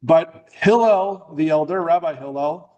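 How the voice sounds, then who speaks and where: Speaking as a guest at a club meeting held in a meeting room, this middle-aged man from New England delivers a warm, joking, friendly talk full of restarts and loose phrasing. His pitch runs high, his pace is measured, and the recording has a lo-fi quality.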